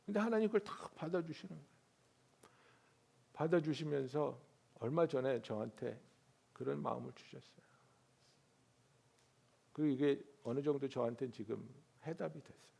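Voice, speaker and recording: Guy pastor preaching, bit of a raspy gravel, goes quiet then really loud and pleading. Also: medium pitch, normal speed, pauses often. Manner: swings from hushed asides to loud pleading. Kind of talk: sermon.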